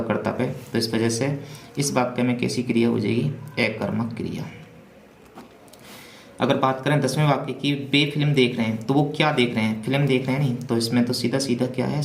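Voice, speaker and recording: Male teacher, lecture delivery, quizzes himself out loud; roomy sound with light hum. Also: medium pitch. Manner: asks and answers his own questions. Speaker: Hindi grammar teacher. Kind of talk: revision class lecture. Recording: echoey room with faint hum.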